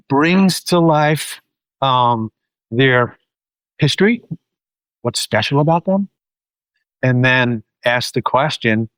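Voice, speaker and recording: A man's voice: medium pitch, fairly bright tone, no echo, low-quality recording. New man, dry close sound. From New Zealand. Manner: loose, searching delivery with many ums. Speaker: documentary filmmaker and guest. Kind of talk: casual interview conversation.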